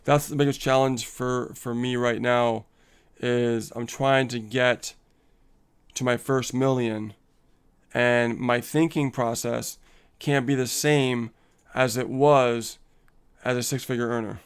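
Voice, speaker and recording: A man co-hosts a casual live coaching stream in a clear, resonant voice of medium pitch, keeping a steady tone and slow pace. He is upbeat and motivational, laughs often, and reads viewer comments aloud.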